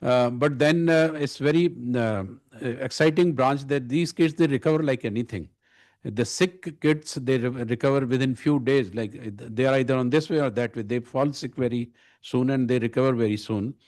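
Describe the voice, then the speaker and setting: A man with an Indian accent giving an informal conference address as a senior surgeon, halting and often repeating words. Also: mid-range voice, a little mellow. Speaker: medical director and surgeon speaking at a conference.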